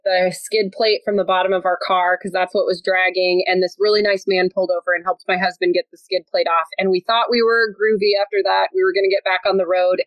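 A woman's voice: fairly low pitch, no room sound, lo-fi sound. A woman guest telling a road trip story in a chatty way, often laughing and saying "like". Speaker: podcast guest. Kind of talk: casual storytelling.

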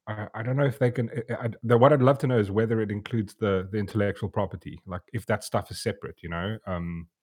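Husky low-voiced man on a podcast. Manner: laughing often, sarcastic, halting restarts. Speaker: podcast co-host. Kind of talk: casual podcast chat.

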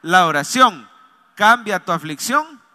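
A man's voice: high voice, expressive, a little slow, sharp tone, long reverb tail. A man preaching a sermon as pastor, fervent and calling on the congregation to answer and repeat after him. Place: church hall.

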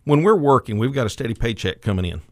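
A man's voice: mid-range voice, lively intonation, fast talker, no room sound, studio quality. A man working as a retirement income advisor, explaining investment buckets on a financial talk show.

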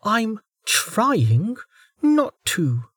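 A man voicing a furious, cornered female rogue warrior who snaps and hisses her words through her teeth, speaking well above his own pitch. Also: unhurried, sharp tone, breathy edge, no room sound, clean studio sound, heavily acted. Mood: tense.

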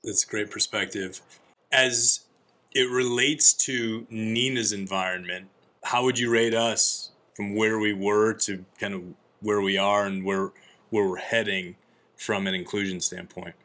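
A man's voice: on the low side, steady tone, unhurried, sharp tone. A man hosting a conversational interview, asking questions briefly and politely.

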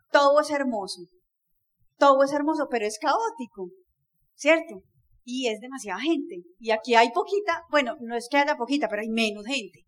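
A middle-aged woman from Colombia giving a lively, jokey storytelling talk to an audience, often asking them questions. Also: a little high. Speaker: motivational speaker.

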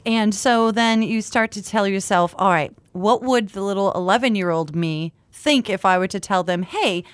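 A woman hosting a casual interview, enthusiastic and quick to laugh. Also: medium pitch, no echo. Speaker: host.

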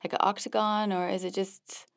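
A woman hosting a real estate podcast, gushing and excitable, quick to laugh. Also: medium pitch, creaky. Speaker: podcast host. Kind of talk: casual podcast interview.

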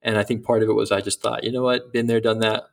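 A man's voice: on the low side, level tone, quick pace, gravelly. A middle-aged man speaking as a missionary guest in an interview, earnest and reflective, often restarting his sentences. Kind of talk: casual interview talk.

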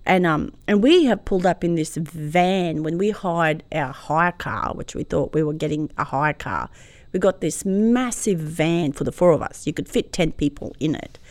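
A middle-aged woman with an Australian accent, a guest telling a personal story in an animated, warm way. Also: deep voice, normal speed, no room sound.

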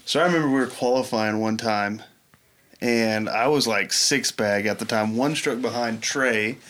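A man in casual chat, telling a long golf story with lively energy and frequent laughs. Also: mid-range voice, normal speed. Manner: animated storyteller, laughs often. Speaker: podcast guest telling golf stories.

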